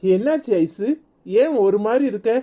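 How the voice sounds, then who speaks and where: A woman's voice: on the high side, animated, moderate pace, very noisy, natural voice. A woman voicing a weary, exasperated husband in a cartoon, scolding and fed up, with a Tirunelveli Tamil accent.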